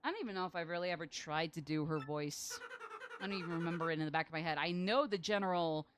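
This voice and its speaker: A woman's voice: fairly low pitch, animated, fast, background noise. A young woman game streamer chatting casually, rambling with lots of fillers and apologies. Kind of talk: casual livestream chat.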